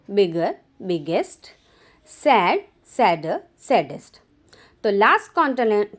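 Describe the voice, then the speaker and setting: Woman grammar teacher, fairly high and lively voice, slow deliberate dictation. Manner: slow, drawn-out dictation of word lists; mixes Hindi and English. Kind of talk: classroom grammar lesson.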